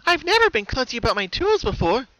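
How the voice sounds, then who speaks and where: Gleeful menace runs beneath the gushing, singsong cheer of a bouncy young cartoon girl pony. Her very bright, squeaky-high voice makes big, wild pitch swings at a quick pace, captured in lo-fi sound with no echo.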